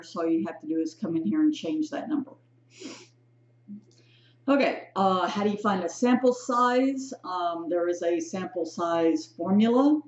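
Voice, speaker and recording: Echoey, dull lo-fi room audio captures a woman with a darkish, fairly low voice teaching statistics. Her recorded lecture walkthrough is conversational and full of self-corrections, punctuated by frequent "right?" and "okay?" check-ins.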